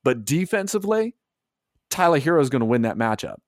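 A man co-hosting a sports podcast in casual chat, animated and arguing his points. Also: mid-range voice, brisk, no room sound, clean studio sound. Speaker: podcast co-host.

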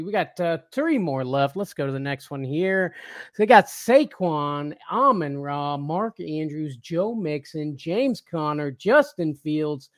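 An excitable man chats casually as a co-host, laughing easily and repeating himself as he talks. His voice sits a little high, and the sound is dry and close with no room around it. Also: dry recording. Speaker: fantasy football co-host. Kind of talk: casual live-stream chat.

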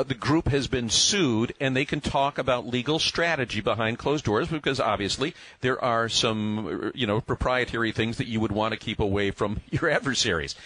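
A man's voice: medium pitch, a bit bright, no echo, low-quality recording. A male radio host interviewing a guest in a conversational, probing way.

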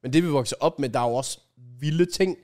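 A man's voice: medium pitch, a little mellow. Casual young Danish man, slangy storyteller. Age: young adult. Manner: slangy, anecdotal, swearing. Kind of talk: casual chat.

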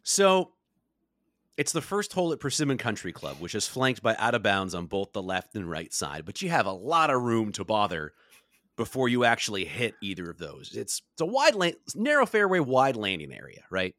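A man's voice: fairly low pitch, huge pitch swings, moderate pace, a bit bright, no room sound, clean studio sound. A young adult man co-hosting a podcast, telling a story in a casual chat with lots of laughs. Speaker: podcast co-host.

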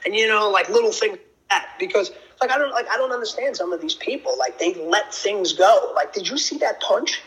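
A film producer and actor gives an interview in a brash, hyped-up frat-bro style, casual, blunt and opinionated, swearing often. His voice is high, animated, a little fast and fairly bright, and the audio is poor.

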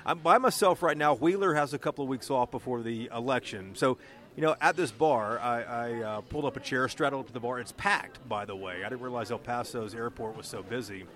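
A man's voice: medium pitch, a little fast, a bit bright. A man with an American accent, a podcast host and political reporter who speaks conversationally as he narrates and interviews.

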